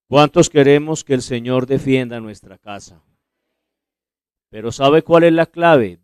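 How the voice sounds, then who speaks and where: A male pastor with a Colombian accent, preaching a sermon in slow, emphatic phrases. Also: mid-range voice, darkish tone, clear, resonant tone, no room sound. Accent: Colombian Spanish.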